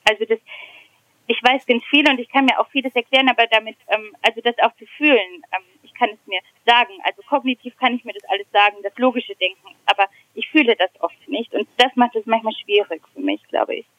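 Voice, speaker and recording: A woman's voice: fairly high pitch, quick pace, no room sound, dull audio. Hesitant, reflective woman in her thirties. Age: 30s. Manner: hesitant, many fillers, reflective. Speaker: podcast guest. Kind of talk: candid personal conversation.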